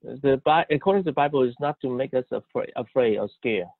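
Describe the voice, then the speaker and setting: Halting male interpreter on a tinny line. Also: medium pitch, gravelly, no echo. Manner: halting, with many restarts and cut-off words. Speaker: sermon interpreter. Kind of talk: live consecutive interpretation. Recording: dry, tinny phone-like line.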